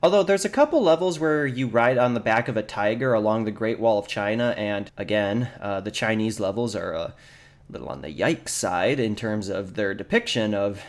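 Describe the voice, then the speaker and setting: A man co-hosting a podcast in casual chat, telling things in a lively way and slipping into quick silly voices. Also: lowish voice. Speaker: podcast co-host. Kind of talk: casual podcast chat about video games.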